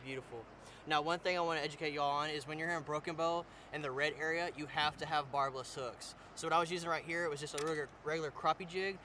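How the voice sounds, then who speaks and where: Excited man by a rushing river. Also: a little high. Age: young adult. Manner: excited, repeats exclamations, talks to viewers as guys. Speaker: fishing vlogger. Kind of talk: casual outdoor fishing vlog. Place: riverbank outdoors. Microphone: on-camera mic and head-mounted camera. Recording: rushing river noise outdoors.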